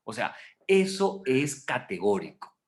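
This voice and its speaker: Guy teaching bible class, animated pitch, explains slowly and keeps checking students follow. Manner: explanatory, frequent "o sea" and "¿ok?" check-ins; answers students' questions.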